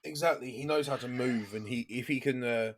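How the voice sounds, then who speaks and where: Podcast co-host, male, middle pitch, relaxed explainer who swears casually. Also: brisk. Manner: laid-back, explaining, many ums and swearing. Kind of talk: casual chat.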